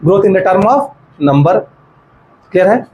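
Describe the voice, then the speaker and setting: High-voiced male biology teacher. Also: expressive, a little mellow, a little hiss or hum, low-quality recording. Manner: asks rhetorical questions and checks understanding; mixes in English terms while dictating notes slowly. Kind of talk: classroom lecture.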